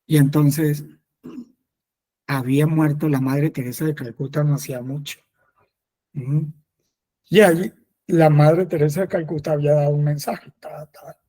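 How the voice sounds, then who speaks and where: A man's voice: a little high, fairly even intonation, moderate pace, pauses often, mellow. A man, a friar, telling a personal testimony in a conversational catechesis, repeating phrases and often affirming himself.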